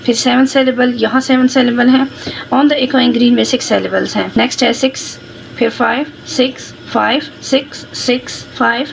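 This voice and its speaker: A woman English teacher, dictating answers slowly and explaining them quickly. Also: high-pitched, gravelly, slight background noise, poor audio. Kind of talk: classroom lesson, reading slowly in English and explaining fast in Hindi.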